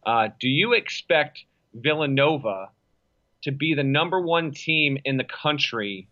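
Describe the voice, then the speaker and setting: A man's voice: fairly high pitch, expressive, unhurried, sharp tone. A man co-hosting a sports podcast, giving wordy conversational analysis and qualifying his opinions with asides. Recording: slightly dull lo-fi audio.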